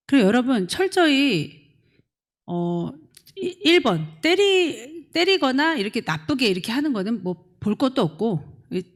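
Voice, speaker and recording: A middle-aged woman pastor preaching to young adults, acting out quotes and calling on listeners by name. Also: medium pitch. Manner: animated, acts out quotes, questions listeners by name. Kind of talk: lively sermon to a young adult congregation.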